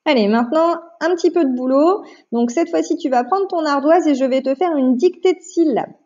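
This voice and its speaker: A woman, a primary school teacher, giving a remote phonics lesson to a child, patient and clear, repeating each syllable for dictation. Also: high voice, fairly quick, warm tone. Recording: dull lo-fi home recording.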